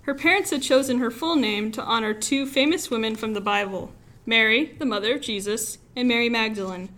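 A young woman from Los Angeles, a student author, reading her own story aloud in a wry, expressive way. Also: fairly high pitch, a little fast. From Los Angeles, USA. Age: young adult.

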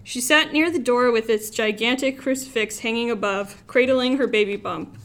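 A young woman from Los Angeles, a student author, reading her own story aloud in a wry, expressive way. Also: on the high side, normal speed. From Los Angeles, USA. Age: young adult.

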